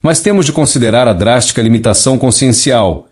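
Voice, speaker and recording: A synthetic text-to-speech man's voice narrating a formal scripted proclamation in a measured way. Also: medium pitch, expressive, darkish tone. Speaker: narrator reading a channeled message.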